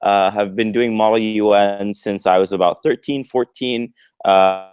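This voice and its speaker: A young man from Egypt with an American accent, a program manager talking in a relaxed, friendly way over a video call, with fillers and kept fairly quiet. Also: on the low side, measured pace, clean tone, no echo. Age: young adult.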